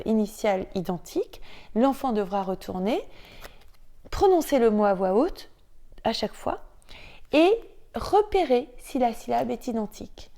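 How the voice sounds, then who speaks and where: A woman teacher presenting reading tools in a tutorial, hesitant, with many fillers and restarts, slowing down to chant syllables in her demonstrations. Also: on the high side, dark tone.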